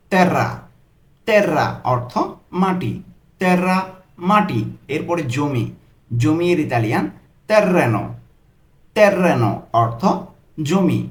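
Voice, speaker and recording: A man teaching a vocabulary lesson as a tutor, saying each foreign word slowly and repeating it with its meaning. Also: fairly high pitch, a bit bright, echoey room. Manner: slow, drawn-out repetition of each foreign word. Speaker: language tutor.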